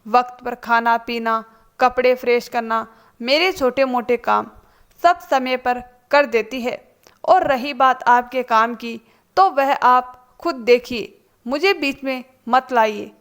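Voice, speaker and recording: Woman doing a serious grown son reasoning with his mom, slow, fairly high voice. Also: fairly bright tone. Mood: earnest. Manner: serious, persuasive.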